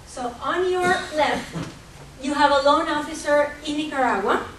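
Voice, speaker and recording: A woman from gives an earnest, measured conference talk, pausing now and then with hesitations. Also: high voice, fairly bright tone. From Costa Rica. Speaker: conference presenter for a microfinance group. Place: conference hall. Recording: echoey hall, distant mic, faint hum.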